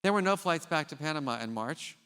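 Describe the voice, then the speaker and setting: A man and scientist giving a keynote on a large theater stage, telling stories in an animated, casual way. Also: fairly high pitch, fairly quick, clean tone. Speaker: keynote speaker. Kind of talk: conference keynote with storytelling. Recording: long hall reverb in a theater.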